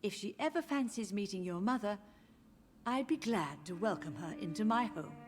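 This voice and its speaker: An actress voicing a gentle, confused, grieving elderly mother in a game, with a soft and sorrowful manner. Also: mid-range voice, animated, moderate pace, over music, close to an everyday voice. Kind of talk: game voice acting.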